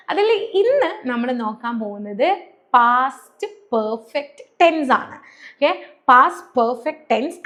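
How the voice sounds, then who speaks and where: A woman with a Malayali accent teaches English grammar at a board. Her voice sits high and light. She explains patiently and goes over each point again with a steady "okay". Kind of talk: classroom grammar lesson.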